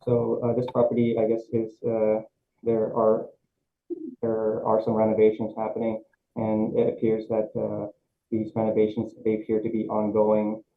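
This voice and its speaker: A man testifying as an assessor at a review board over a video call, halting, with many fillers and restarts. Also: fairly low pitch, monotone. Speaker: city assessor presenting at a hearing. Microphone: remote video call, microphone held close. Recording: tinny video-call audio with faint hiss.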